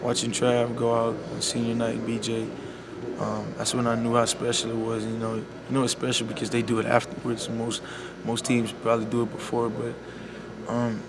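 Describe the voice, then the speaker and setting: A young man talks in a soft, heartfelt way, sprinkling in "you know" as he answers reporters. His voice stays very level with almost no rise and fall, sitting at a middling pitch. Loud background noise runs under the whole recording. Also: completely flat delivery, normal speed. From Bahamas. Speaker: college basketball player. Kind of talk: media scrum interview.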